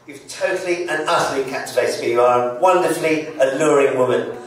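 A man's voice: mid-range voice, a little fast. A middle-aged man giving a father-of-the-groom wedding toast with dry, self-deprecating humor. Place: large indoor reception hall. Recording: echoey hall from far off, noisy.

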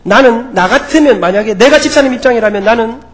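Brief: an elder voicing an earnest, gently persuasive pastor with a high voice. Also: male voice, expressive, fast talker.

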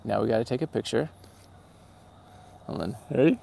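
The host, a man in his forties, streams casually from an outdoor parking lot after dark and chats upbeat to his audience through a phone at arm's length. He speaks at medium pitch and moderate pace in a dark, creaky voice, with faint outdoor background noise.

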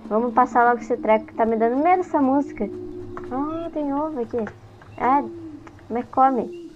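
A woman's voice: high voice, normal speed. A young woman with a Brazilian Portuguese accent giving casual, chatty let's-play commentary, easily startled and talking to the game. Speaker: gaming YouTuber. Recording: dull lo-fi sound with game music behind.

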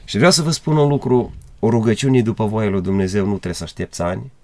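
Creaky man telling a testimony. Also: dry recording. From Republic of Moldova. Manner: animated, voice climbs high in retold dialogue. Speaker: guest evangelist. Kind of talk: emotional testimony storytelling.

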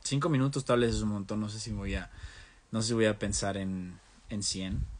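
A man's voice: fairly low pitch, steady tone, normal speed. A young man, chatting casually on a phone livestream, reading out viewer comments and switching between Spanish and English. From Mexico. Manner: reads viewer comments aloud and answers them in turns. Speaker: livestream host.

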